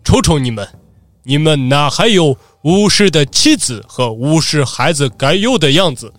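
Man doing boastful old samurai, commanding, somewhat high voice, dry close sound. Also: sing-song, measured pace, fairly bright tone, dry recording. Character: proud, stubborn old samurai of sixty.

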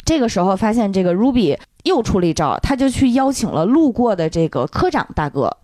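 A woman podcast host retelling a story in a playful, animated way, acting out the quotes. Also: medium pitch, a little fast, dry recording, clean studio sound.

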